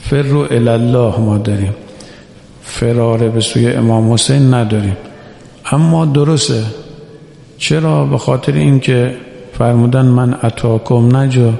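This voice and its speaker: Gravelly man preaching in an echoey hall. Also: mid-range voice, warm tone. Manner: exhorting, quotes Arabic scripture in slow chant. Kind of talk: religious sermon.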